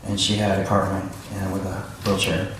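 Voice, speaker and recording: A man telling his testimony in church, animated, acting out the dialogue as he tells his story. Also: low voice, normal speed, background noise. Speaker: church member giving a testimony. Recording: echoey church hall, voice heard from a distance.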